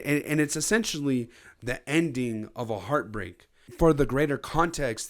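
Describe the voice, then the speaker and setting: A man reviewing an album in casual chat, passionate and rambling, swearing a lot. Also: mid-range voice.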